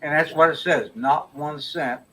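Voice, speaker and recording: A man's voice: fairly high pitch, unhurried, a bit bright, poor audio. A man in a casual chat who talks hesitantly, full of restarts, and often agrees with a short yeah.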